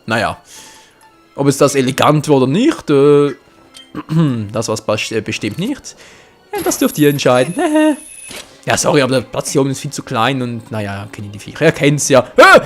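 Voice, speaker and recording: A young man hosting a let's play, commenting on the game excitably, swearing and talking to his viewers. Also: medium pitch, moderate pace, soft background music.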